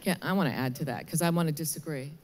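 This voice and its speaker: A middle-aged woman speaks on a panel stage with a notably low voice. She sounds upbeat and candid. She talks into a handheld mic. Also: quick pace. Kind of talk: panel discussion. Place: large atrium stage with audience.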